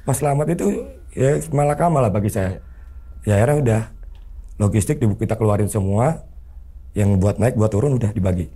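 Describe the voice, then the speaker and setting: A man's voice: lowish voice, a little fast, warm tone, breathy edge. A man telling a story as an interview guest, earnestly acting out the remembered dialogue. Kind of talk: conversational storytelling.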